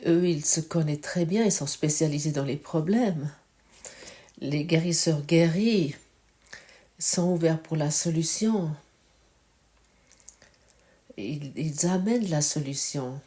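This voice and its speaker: A woman giving a spiritual teaching talk, reflective and halting, often asking the listener direct questions. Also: sits low, warm tone. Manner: searching for words, halting.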